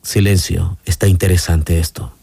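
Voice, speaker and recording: A man voicing Satan as a slow, commanding devil king in a spoken parable. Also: deep voice, level tone, creaky, mellow, husky, dry recording, voice pushed down, heavily acted. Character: scheming devil king holding court.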